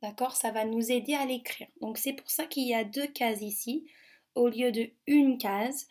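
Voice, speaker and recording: A woman teaching young children a remote phonics lesson, sounding out each syllable slowly and carefully. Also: a little high, darkish tone.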